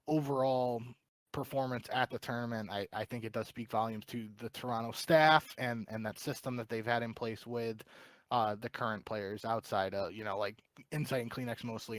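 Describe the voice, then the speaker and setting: A man's voice: medium pitch, no echo. Man rambling through esports talk, dry. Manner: rambling, many fillers and restarts. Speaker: podcast co-host. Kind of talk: casual esports analysis chat.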